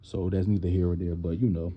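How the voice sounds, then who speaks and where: A man's voice: sits low, level tone, quick pace, dull audio. A man hosting a casual reality TV recap, blunt and opinionated, livening up when he quotes people.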